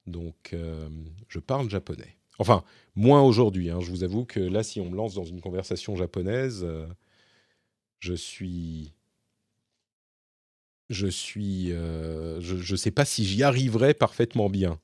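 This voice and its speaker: A man hosts a casual Q&A monologue, rambling along with lots of fillers and restarts. His voice is deep, unhurried and a little mellow, captured as a dry, studio-quality recording.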